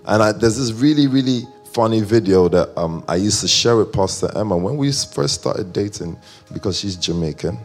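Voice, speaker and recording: Male pastor, chatty joking sermon delivery; low, gravelly, faint instruments underneath. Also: animated, moderate pace, soft background music. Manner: conversational, joking, rambling asides.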